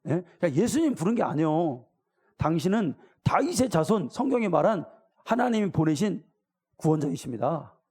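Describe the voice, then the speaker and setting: This middle-aged man, preaching as a pastor, speaks casually, questions his flock, and gives voice to the characters in his story. He talks at a normal speed in a husky, dark-toned voice that is a little high and swings widely in pitch.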